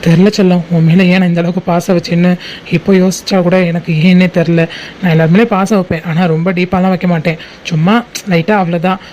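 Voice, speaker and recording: Woman playing a young cartoon boyfriend, teasing, affectionate, mellow voice, faint hiss behind. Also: fairly low pitch, steady tone, fast, dull audio, lightly acted. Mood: tender. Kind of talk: cartoon voice acting.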